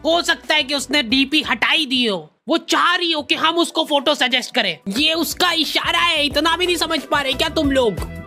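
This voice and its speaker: A woman's voice: high voice, normal speed, sharp tone, faint music behind. Woman doing a bragging college senior guy. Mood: boastful. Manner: bragging, lecturing, self-important. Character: boastful self-styled love guru college senior man. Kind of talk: comedy sketch acting.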